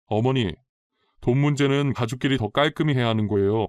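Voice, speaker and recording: A man's voice: medium pitch, a little fast, darkish tone, no echo, clean studio sound, close to an everyday voice. A man voicing a level-headed grown son who speaks earnestly and reasons things out.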